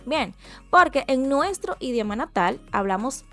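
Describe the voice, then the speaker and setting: A woman from the Dominican Republic with a Dominican Spanish accent, teaching an online English lesson and modeling slow, deliberate pronunciation for learners. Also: sits high, animated, a bit bright, soft background music.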